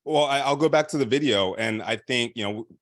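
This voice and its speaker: A man's voice: mid-range voice, brisk, a bit bright, no room sound, clean studio sound. A man, the founder of a podcast company, speaking on a panel and explaining practical tips at length with frequent fillers. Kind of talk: panel discussion advice.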